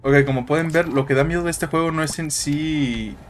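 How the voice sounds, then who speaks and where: A man giving jittery, excitable let's-play commentary, tossing in English slang as he plays. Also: fairly high pitch, moderate pace. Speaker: gaming YouTuber.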